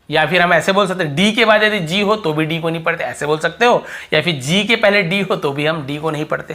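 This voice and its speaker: A man's voice: a little high, a bit bright. A man with an Indian accent teaching English spelling rules, explaining patiently and repeating each example word again and again. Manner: repetitive, emphatic, drills each example word. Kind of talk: classroom lesson explanation.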